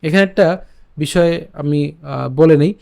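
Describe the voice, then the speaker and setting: ধীরে শ্লোক উচ্চারণ শেখানো বাঙালি পুরুষ শিক্ষক. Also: male voice, on the high side, creaky, warm tone. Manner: chants verses slowly, then explains quickly. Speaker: Gita recitation teacher. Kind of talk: slow syllable-by-syllable recitation lesson.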